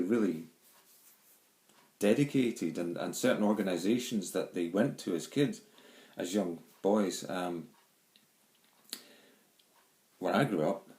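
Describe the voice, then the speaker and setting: Low-pitched and mellow, a middle-aged Glaswegian man from Scotland talks through a loose home video monologue, stumbling over ums and restarting often. The audio comes from a handheld phone or camera in a room with noticeable echo.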